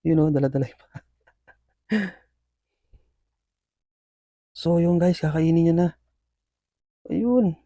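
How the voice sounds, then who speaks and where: Speaking fast in a voice on the high side, a scorpion keeper gives his viewers an excited, filler-heavy running commentary as he feeds his animals. The recording is dry.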